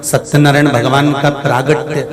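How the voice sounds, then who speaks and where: A middle-aged man preaching a devotional sermon, slow and rhythmic, repeating phrases for emphasis. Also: a little high, flat delivery, crowd noise. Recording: live religious gathering with music behind.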